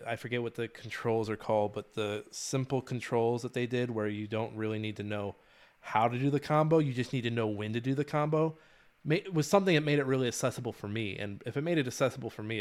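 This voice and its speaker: A man's voice: medium pitch, smooth. A man co-hosting a gaming podcast in a loose, casual way. He talks animatedly, swears freely and often breaks into laughter. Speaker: podcast co-host. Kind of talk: casual chat.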